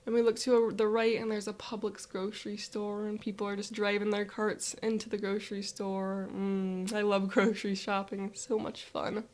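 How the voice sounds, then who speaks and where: A woman's voice: medium pitch, flat delivery, darkish tone. Upbeat woman guiding a visualization. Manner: upbeat, vivid, unhurried present-tense storytelling. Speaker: guided visualization leader. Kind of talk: first-person guided visualization.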